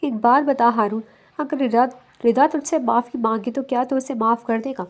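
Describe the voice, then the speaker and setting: A woman's voice: on the high side, fairly even intonation, natural voice. A woman reading a brusque, commanding young man.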